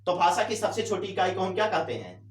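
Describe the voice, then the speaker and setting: A male teacher giving a classroom lecture, asking questions and answering them himself, drawing out words slowly to demonstrate. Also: sits high, big pitch swings, recorded from a distance. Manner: drawls syllables slowly to demonstrate. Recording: echoey room.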